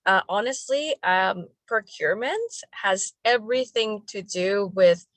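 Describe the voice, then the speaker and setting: A woman's voice: medium pitch, unhurried, dry recording. A young woman from the Dominican Republic speaking enthusiastically as a panelist. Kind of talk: panel discussion.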